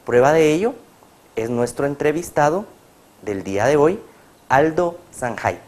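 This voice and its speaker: A man's voice: fairly high pitch, expressive, a little slow, a little mellow. Earnest male host of a faith program. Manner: earnest, preacher-like. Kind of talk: testimony interview.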